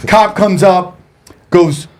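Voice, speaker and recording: High-voiced man telling wild stories. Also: slow, noisy background. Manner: profane, animated anecdote telling that acts out the people in the story. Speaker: stand-up comedian, podcast guest. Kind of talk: casual storytelling.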